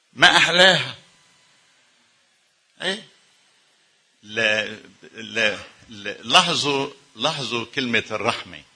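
Husky, bright-voiced Lebanese preacher man. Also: medium pitch. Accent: Lebanese Arabic. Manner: emphatic, with rhetorical questions to the audience. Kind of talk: sermon to a congregation.

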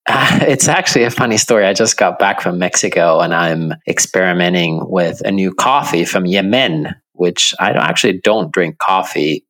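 A man from Finland with a Finnish accent, a guest telling his story in a relaxed, rambling way. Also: low voice, normal speed, few pauses. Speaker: guest, entrepreneur. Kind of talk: casual interview talk.

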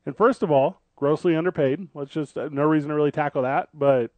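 A man's voice: fairly high pitch, a little fast, darkish tone, dry recording. A man hosting a sports radio show in casual, conversational talk, often repeating and rephrasing as he builds a point.

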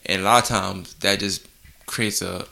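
A young man hosting a casual interview, asking questions in a quick, animated, conversational way. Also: low-pitched, creaky. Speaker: interview host.

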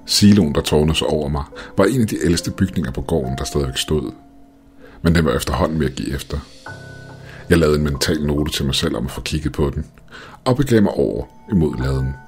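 A man narrating a first-person ghost story in a calm, measured reading. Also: extremely low pitch. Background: faint music.

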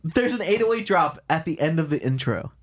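A man's voice: fairly high pitch, lively intonation, brisk. A man hosting a comedy podcast, bantering and reading posts aloud in a crude, irreverent, profane way.

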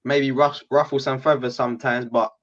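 A man's voice: mid-range voice, little pitch movement, normal speed, fairly bright tone, lo-fi sound. A man with a London roadman accent, chatting casually in street slang as a podcast guest. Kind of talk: casual chat.

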